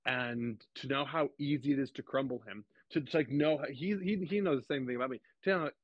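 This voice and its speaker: Young guy, stammery and emotional, dry muffled audio, mid pitch. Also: dry recording. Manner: halting, repeats words, emotional. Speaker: guest. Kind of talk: candid podcast conversation.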